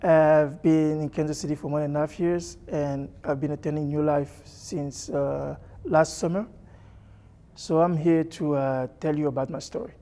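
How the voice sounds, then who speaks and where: Young guy from congo, halting church testimony, lots of restarts, warm mellow voice. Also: on the high side, fairly even intonation. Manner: hesitant, halting, with many restarts. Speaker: church member sharing testimony. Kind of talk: personal testimony.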